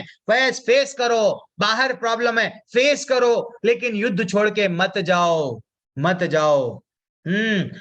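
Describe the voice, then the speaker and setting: A man's voice: high-pitched, fairly bright tone, dull audio. A man teaching a devotional scripture class. He asks his listeners questions and answers them himself, chants Sanskrit verses and explains them, and mixes English words into his Hindi. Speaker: Gita study class teacher.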